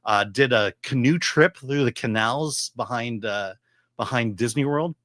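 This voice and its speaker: A middle-aged man reviews films casually in a voice of average pitch. He explains his opinions haltingly, and the sound is dry and free of room echo. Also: fairly bright tone. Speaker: film reviewer. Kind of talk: casual movie commentary.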